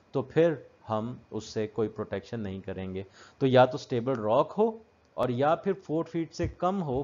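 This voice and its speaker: Male safety instructor, mid-range voice, steady explanatory lecture, slightly muffled recording. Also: medium pitch. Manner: mixes English technical terms into explanation, repeats key points.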